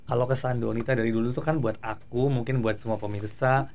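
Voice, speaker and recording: A man's voice: mid-range voice, fairly even intonation, a little fast, darkish tone. A man hosting a casual interview, talking in a playful, teasing way and complimenting his guest. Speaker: host.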